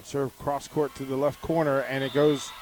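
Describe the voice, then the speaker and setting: A man calling live volleyball play-by-play for a radio network, naming each serve and point in a brisk, measured way. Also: mid-range voice, flat delivery, darkish tone, a little hiss or hum. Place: arena broadcast position high above the court.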